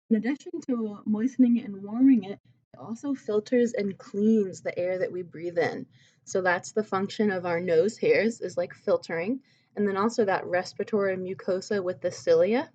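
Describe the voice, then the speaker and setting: A woman with a mid-range voice and dark tone gives a recorded anatomy lecture, explaining things in a casual, chatty way full of "um" and "like." The audio is slightly dull and lo-fi.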